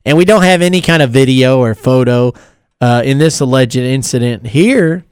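Sports talk guy, smooth clear voice, dry sound, chuckles a lot. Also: medium pitch, moderate pace, darkish tone, no echo. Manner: laughs often, conversational.

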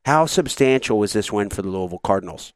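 A man's voice: on the low side, lively intonation, fast talker, clear, resonant tone, dry recording, studio quality. A man hosting a sports talk radio show, asking casual, teasing questions.

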